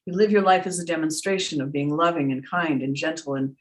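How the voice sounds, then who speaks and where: A woman's voice: sits low, a little fast. A middle-aged woman who works as a trance medium, answering questions in an earnest, reflective, unscripted way and repeating words for emphasis. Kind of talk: unscripted spiritual Q&A talk.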